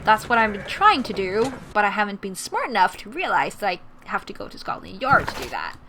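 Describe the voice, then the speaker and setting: This is a young woman hosting a gaming video, her mid-range voice swinging widely in pitch as she talks a little fast. She reads game text aloud and chats casually through the playthrough in a mixed American-British accent, with pretty noisy audio.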